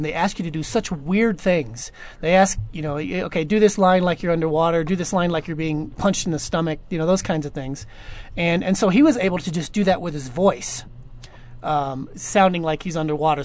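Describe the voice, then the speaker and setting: A man answering listener questions in a casual chat, rambling through long stories with lots of fillers and restarts. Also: high voice. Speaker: audio drama producer. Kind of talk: casual podcast Q&A.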